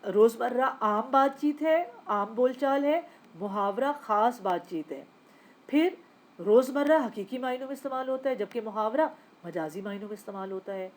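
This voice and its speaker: A woman's voice: on the high side, expressive. Woman teacher explaining Urdu lessons. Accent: Pakistani Urdu. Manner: explains step by step, asks and answers her own questions. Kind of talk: recorded lecture.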